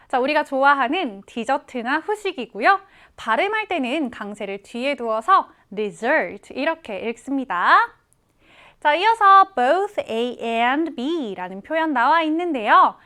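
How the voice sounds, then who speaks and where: A woman teaching English vocabulary to students, explaining each word slowly and clearly and repeating example readings. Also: high-pitched, bright, forceful tone.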